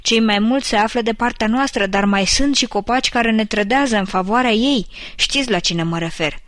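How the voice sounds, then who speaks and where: Give me a nervous male beaver in a storybook, hushing everyone in a husky throaty whisper, as a woman reads him. The voice is close and dry with no room around it. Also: on the high side, no echo, close to an everyday voice. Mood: hushed urgent. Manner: hushed and urgent. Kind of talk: audiobook character reading.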